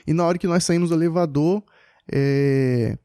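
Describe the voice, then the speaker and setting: A man's voice: a little high, normal speed, warm tone, clear, resonant tone, no echo, clean studio sound. A man tells a personal story as a father in a casual podcast chat, hesitant and full of restarts.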